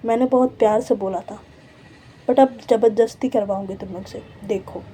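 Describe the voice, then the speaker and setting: A woman's voice: mid-range voice, fairly even intonation, normal speed, warm tone, slight background noise, lightly acted. A woman playing a bossy, scolding senior college girl. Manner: commanding, scolding.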